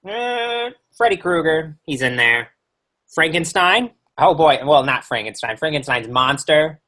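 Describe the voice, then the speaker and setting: A man's voice: a little high, expressive, a little slow, bright, forceful tone, full character voice. A man playing a brash male werewolf horror-host doctor, answering questions in character on a livestream with rambling, crude jokes. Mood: wry. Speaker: guest.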